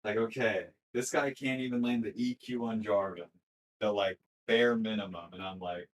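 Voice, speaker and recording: A man coaching a video game in casual chat, joking, swearing and mocking players, then explaining moves in quick, plain steps. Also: on the low side, steady tone, slight background noise, rough recording. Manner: profane, joking, mocking impressions. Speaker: gaming coach and streamer.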